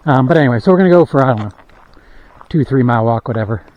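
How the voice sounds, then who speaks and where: Rambling man vlogging outdoors, mellow voice. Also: medium pitch, animated, rapid-fire. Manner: rambling, thinking aloud with many fillers. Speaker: hiking vlogger. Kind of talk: casual vlog narration. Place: outdoors on trails and at a campground. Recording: dull lo-fi camera audio.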